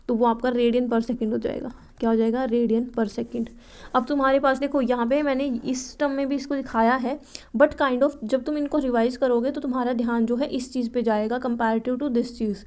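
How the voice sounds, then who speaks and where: A young woman with a clear, smooth, slightly high voice walks through physics problems one step at a time. She reads the English question text slowly, word by word, and keeps checking in with the listener before moving on. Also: a little mellow. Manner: repeats checks like "ठीक है" and asks herself questions before answering. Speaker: physics tutor for nursing entrance exams. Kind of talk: explaining exam problems step by step.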